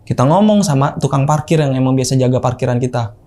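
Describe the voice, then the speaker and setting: A young man casually telling a story, animated and acting out other people's voices. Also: mid-range voice, quick pace. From Indonesia. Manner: animated, acts out quoted voices. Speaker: guest storyteller.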